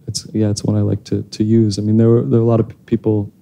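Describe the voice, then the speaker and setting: At a post-screening Q&A, a man in his thirties takes audience questions into a handheld mic on a theater stage. His voice is fairly low, dark and monotone, fast, with vocal fry. He's thoughtful but hesitant, often restarting.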